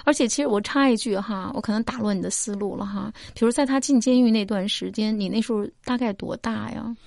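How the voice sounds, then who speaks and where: Gravelly-voiced woman host, affirming and attentive. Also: a little high, quick pace, darkish tone, no room sound, studio quality. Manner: attentive, with frequent affirming "mm" and a tag "ha" at the end of phrases. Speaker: interview host.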